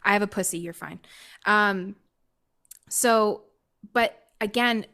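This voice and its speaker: A woman joins a podcast as a guest and talks in a casual, open way. She tells personal stories with animation and breaks into laughter often, at an ordinary middle pitch. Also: slow pace. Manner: candid, animated storyteller who laughs often. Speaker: podcast guest, spiritual coach.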